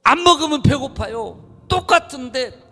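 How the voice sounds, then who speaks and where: A man preaching a sermon as a pastor, animated and swinging between low murmurs and raised exclamations. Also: measured pace. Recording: long hall reverb.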